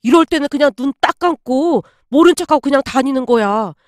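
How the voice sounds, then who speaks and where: A woman voicing a blunt, easygoing young office coworker who talks fast. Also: high-pitched, lively intonation, no echo, clean studio sound. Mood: blunt excited.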